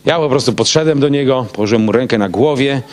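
A man, a pastor, telling a personal story in a casual, animated way and acting out both sides of the dialogue. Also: mid-range voice, quick pace.

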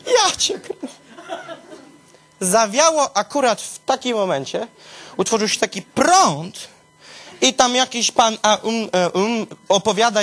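A man delivers a sermon in a high voice, telling the story dramatically. He talks straight to his listeners, dropping to a low murmur and then rising to sharp, high exclamations. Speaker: preacher.

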